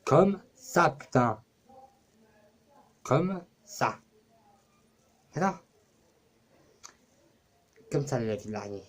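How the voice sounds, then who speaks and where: A man's voice: medium pitch, lively intonation, extremely slow, long pauses, a bit bright. A man talking casually to his camera for his own channel, rambling and cursing with many fillers. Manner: rambling, profane, full of fillers. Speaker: YouTuber.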